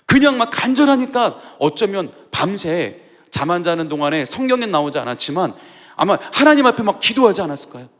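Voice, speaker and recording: A male pastor giving a sermon with animated storytelling, often asking the congregation questions, in a reverberant church sanctuary. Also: high voice, fairly quick.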